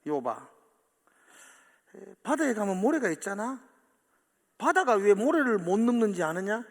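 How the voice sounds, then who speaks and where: A man's voice: high voice, a bit bright, pitched above the performer's own voice. A male preacher voicing God as a commanding, majestic figure who fires rhetorical questions, heard with long church hall reverb.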